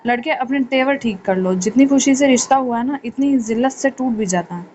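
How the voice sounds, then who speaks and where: A woman reading an audio novel, voicing a sharp-tongued sister-in-law who scolds a young man. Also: fairly high pitch, a little fast, dull audio, slight background noise, natural voice. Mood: scolding.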